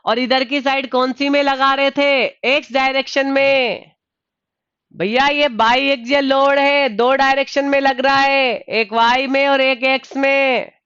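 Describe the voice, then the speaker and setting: A man's voice: very high voice, little pitch movement, a little slow, pushed and bright, no echo, highs cut off. A man teaching a live online engineering class, calling on students by name, addressing them as dear and patiently repeating his questions. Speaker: online exam tutor.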